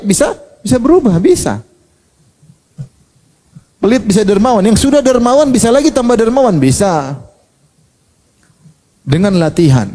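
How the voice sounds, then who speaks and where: A man preaching a sermon in a lively, joking way, acting out the people he quotes. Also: high voice, in a large hall.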